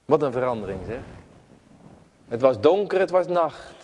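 A man preaching a sermon in a church, expressive and full of rhetorical questions. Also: medium pitch, moderate pace, long reverb tail.

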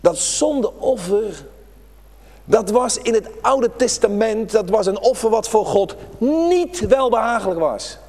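Male pastor, sermon delivery, lively sing-song swings from emphatic to hushed, long church reverb. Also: high-pitched, takes it slowly. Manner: dramatic, swinging from raised emphasis to hushed near-whispers.

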